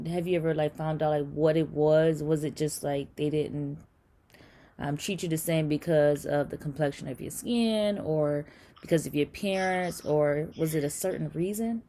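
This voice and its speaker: Low-voiced chatty woman host. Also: moderate pace, slight background noise. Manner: friendly, relaxed, chatty with fillers. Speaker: interview host. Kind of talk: casual remote interview.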